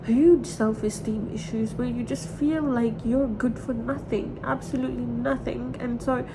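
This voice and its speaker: Talking a little slowly with fairly even intonation, a woman in her twenties vlogs a candid, emotional confession that rambles and repeats points for emphasis. A low rumble makes the recording clearly noisy.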